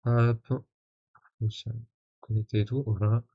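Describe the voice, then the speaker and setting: A man's voice: medium pitch, little pitch movement, slow, phone-quality sound. Sarcastic man streaming live commentary. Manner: casual, many fillers and restarts, sarcastic asides.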